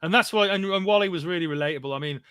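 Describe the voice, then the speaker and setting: Bright-voiced enthusiastic man. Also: sits high, very fast, clean tone, no room sound. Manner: enthusiastic, laughs often. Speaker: podcast co-host. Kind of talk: casual chat.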